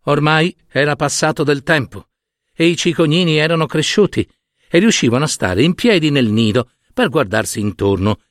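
Man reading a fairy tale, lively up-and-down voice, bit high, dry close sound. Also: moderate pace, no room sound. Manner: expressive, playful with sound words. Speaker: storyteller.

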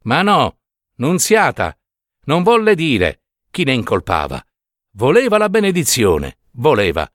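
A man reading a story aloud with expressive, dramatic phrasing and long pauses. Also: medium pitch, dry recording, studio quality. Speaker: narrator.

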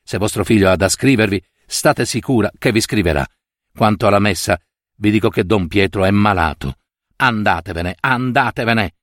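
A man's voice: lowish voice, normal speed, no echo, clean studio sound, lightly acted. A man voicing a priest who scolds sharply and dismissively. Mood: scolding. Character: young priest, indignant and stern.

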